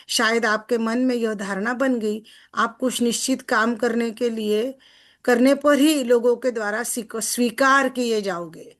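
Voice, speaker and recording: A woman success coach explaining a text to a group in a chatty way, often asking listeners for agreement and slowing down to read passages aloud. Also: a little high. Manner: chatty, asks listeners for agreement with tag questions; slows down when reading passages aloud.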